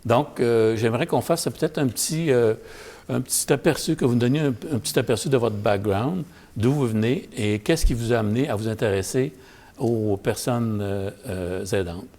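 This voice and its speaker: A man's voice: mid-range voice, normal speed, darkish tone. A man hosting an interview in a theatre lobby, hesitant with many fillers. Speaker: host. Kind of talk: casual interview.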